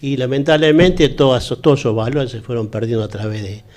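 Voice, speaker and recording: Man, Rioplatense Argentine accent, interview guest, earnest reminiscing, mid-pitched voice. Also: fast, a little mellow. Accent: Argentine Rioplatense Spanish. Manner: earnest, moralizing. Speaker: interview guest, longtime party militant.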